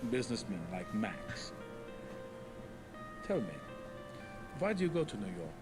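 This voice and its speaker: Stiff, formal German official. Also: male voice, lowish voice, sing-song, a little slow, music in the background. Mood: coolly inquisitive. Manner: formal, clipped, coolly polite. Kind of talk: video game character acting.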